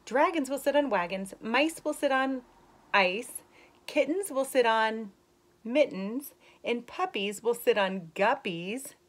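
A woman voicing a cheerful, playful frog in a storybook, reciting rhymes slowly and emphatically. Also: a little high, expressive, pitched above the performer's own voice. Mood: sing-song. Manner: slow, sing-song, emphatic rhymes.

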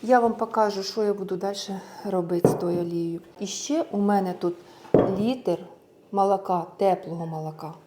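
A woman's voice: mid-range voice, normal speed, very noisy. A woman giving a casual cooking tutorial, chatting through each step as she works and mixing Russian words into her speech. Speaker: home cook showing a recipe.

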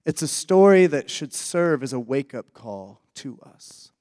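A man, a pastor whose voice is hoarse from illness, praying and preaching in an earnest, folksy way that often restarts phrases. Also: medium pitch, expressive, a little slow, darkish tone. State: hoarse, losing his voice. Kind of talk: sermon with opening prayer. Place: church sanctuary. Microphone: handheld or stage mic. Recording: dry close mic with long hall reverb.

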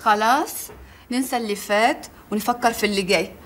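An actress playing a scheming Egyptian woman who talks in a brisk, scolding way. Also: fairly high pitch, fairly bright tone, reverberant, slight background noise, lightly acted. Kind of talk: comedic film acting.

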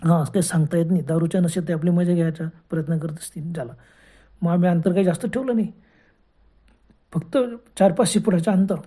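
A woman narrating a first-person ghost story in a colloquial, unhurried way, often stopping to restart a phrase. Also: fairly low pitch, fairly even intonation, warm tone, slightly rough. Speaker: horror storyteller.

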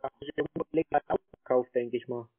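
This scam baiter speaks quickly at a medium pitch with fairly even intonation, stubbornly repeating himself and needling the caller in an argumentative prank call. The recording is dry and has a narrow, telephone-like quality.

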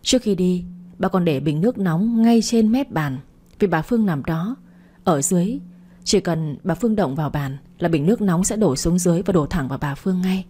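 A woman narrating a radio story in a calm, even reading voice. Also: fairly low pitch, breathy edge.

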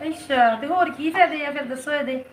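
A woman's voice: high voice, fairly quick, background noise, natural voice. A woman from Punjab playing an exasperated wife who complains and nags about money in a home-made short film. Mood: arguing. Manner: complaining, nagging, sarcastic.

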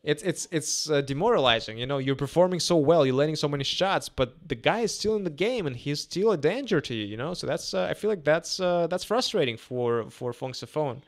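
A man's voice: fairly high pitch, animated, fairly quick, hardly any pauses. Young man with a Russian accent, commentating. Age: 20s. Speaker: boxing commentator. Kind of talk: casual live fight commentary. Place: small indoor room. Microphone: close podcast microphone on a boom arm.

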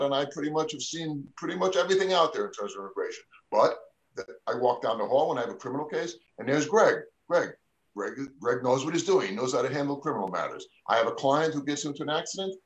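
A man's voice: medium pitch, low-quality recording. A man, an immigration attorney talking on a live radio show, casual and emphatic, says he is losing his voice. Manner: conversational, lots of "you know" and "all right?".

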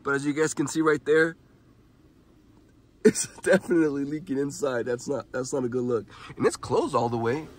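A young man talks to his viewers from inside his truck during a car wash, filming on a handheld phone and yelping and laughing nervously. His mid-range voice holds a steady tone at a moderate pace in this casual vlog commentary.

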